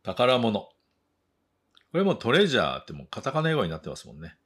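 A man teaching English vocabulary and pronunciation, saying each word slowly twice and chatting briskly in between. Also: lowish voice, big pitch swings, husky. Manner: slow drawn-out model words, then quick chatty asides.

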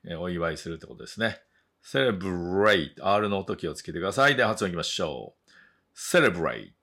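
Male English teacher, low and slightly husky, drawn-out model words, quick friendly asides. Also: lively intonation, bright, forceful tone. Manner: repeats each word twice for learners. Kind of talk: vocabulary pronunciation lesson.

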